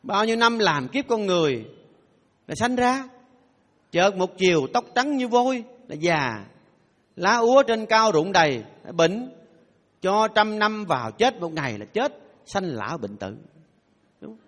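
A man's voice: high-pitched, sing-song, unhurried, fairly bright tone. A Buddhist monk giving a playful, humorous dharma talk, leading his audience in call-and-response chanting. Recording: long hall reverb.

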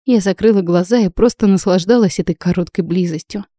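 A woman narrating a first-person audiobook in an even reading manner. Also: fairly low pitch, a little fast, no echo, studio quality.

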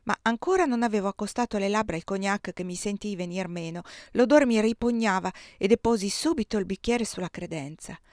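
A woman reading a first-person novel aloud as an audiobook, in a measured, expressive way. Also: medium pitch, dry recording, studio quality. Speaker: audiobook reader.

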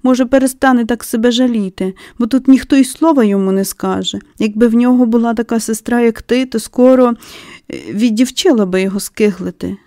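A woman's voice: on the high side, steady tone, brisk, dark tone, no echo, studio quality, lightly acted. A woman voicing a young nurse who talks in an offhand, mocking way in a storybook reading. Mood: amused. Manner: mocking, dismissive.

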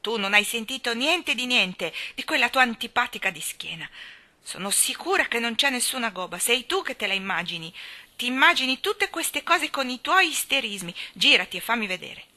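A woman voicing a stubborn, fierce young girl who shouts and scolds. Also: fairly high pitch, very animated, moderate pace, hardly any pauses, pitched above the performer's own voice. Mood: furious scolding. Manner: shouting, foot-stamping defiance.

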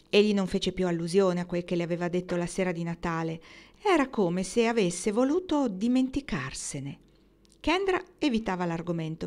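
A woman reading a novel aloud in a measured, expressive way. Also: fairly low pitch. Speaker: audiobook reader.

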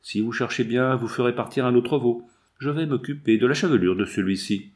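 Man playing a vengeful old trapper, gruff, rough-spoken, storybook reading. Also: mid-range voice, a little fast, lightly acted. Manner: rough, coarse backwoods talk.

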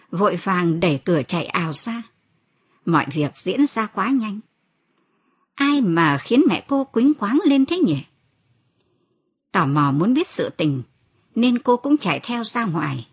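A woman reads a novel aloud as an audiobook narrator, her voice slightly husky. Her pitch moves freely and expressively through the telling, rising for the characters' cries. It is a scripted storytelling delivery. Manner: expressive reading, lifts her voice for quoted cries.

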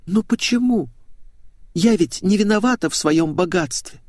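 A man's voice: high-pitched, lively intonation, moderate pace, no echo, clean studio sound, pitched above the performer's own voice. A man voicing a tearful, whiny, spoiled young woman office worker in an audiobook. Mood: hurt. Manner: tearful, pleading. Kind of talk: audiobook character voice.

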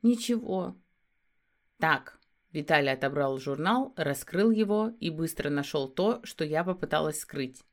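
A woman narrating a first-person fantasy audiobook in a steady storytelling delivery. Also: sits low, normal speed, few pauses.

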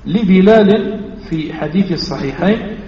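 High-voiced Algerian sheikh in an echoey mosque. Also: male voice, expressive, dark tone. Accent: Algerian Arabic. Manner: counts aloud and quizzes the listeners with "ha?"; repeats key phrases slowly. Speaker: sheikh teaching a mosque lesson. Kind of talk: religious lesson. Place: mosque hall. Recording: echoey far-off mosque hall, dull.

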